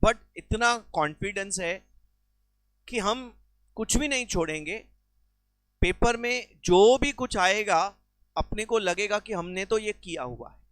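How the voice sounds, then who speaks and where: A man's voice: sits high, slow pace, fairly bright tone, no room sound. A man teaching a recorded exam-prep lecture, explaining with everyday examples and mixing English terms into his speech.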